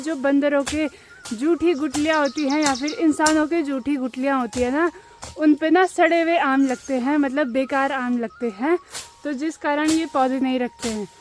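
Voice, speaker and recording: A young woman's high voice comes through with slight background noise as she vlogs from a hillside farm field. Hailing from the Uttarakhand hills of India, this village lifestyle vlogger keeps things casual and explanatory, talking to her viewers like friends.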